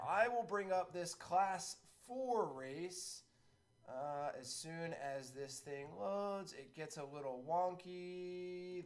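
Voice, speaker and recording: A man streaming online who chats in a relaxed way, full of fillers, and calls horse races, building up to shouting at the finish. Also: high-pitched. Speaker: streamer and race caller. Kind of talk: live-stream chat and horse race commentary.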